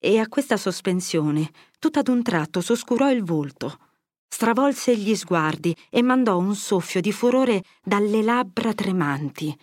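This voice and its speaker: A woman narrating a literary audiobook in a measured, expressive storytelling manner. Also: medium pitch, dry recording, clean studio sound.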